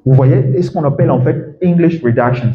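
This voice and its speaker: A man's voice: on the high side, a little fast. A man coaching a group on English pronunciation in casual French, dropping fillers and modelling English words aloud. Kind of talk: live talk to a group. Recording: echoey room, dull lo-fi sound.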